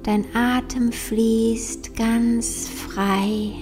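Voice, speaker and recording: A woman guiding a meditation in a soft, breathy near-whisper, soothing and unhurried with long pauses. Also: on the high side, little pitch movement. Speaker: meditation guide. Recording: soft new-age music behind. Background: new-age meditation music.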